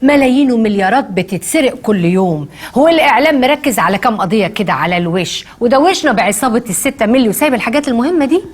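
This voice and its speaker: An actress playing a middle-aged Egyptian mother who talks in an expressive way, shifting between soft coaxing and tearful outbursts. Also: a little high, very fast, lightly acted. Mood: indignant. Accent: Egyptian Arabic. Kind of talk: TV drama acting.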